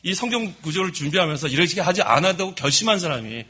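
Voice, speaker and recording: Bright, husky-voiced pastor preaching. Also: male voice, on the high side, quick pace. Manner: lively storytelling, admits his own faults. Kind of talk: sermon. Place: church sanctuary.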